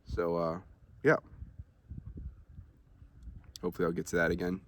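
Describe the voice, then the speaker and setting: A man vlogging in a relaxed, rambling way, with many ums and uhs, talking to his viewers. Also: low-pitched, moderate pace. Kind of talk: casual talk to camera.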